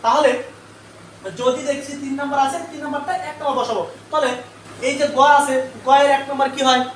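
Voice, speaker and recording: High-voiced man teaching in an echoey room. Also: level tone, brisk, recorded from a distance. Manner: quizzes the class with repeated questions and answers them himself. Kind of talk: live online grammar lesson. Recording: echoey room, away from the mic, faint noise.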